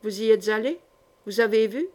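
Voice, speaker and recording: A woman's voice: fairly high pitch, moderate pace, warm tone, close to an everyday voice. A woman reading the lines of a respectful male hotel servant in a story. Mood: curious.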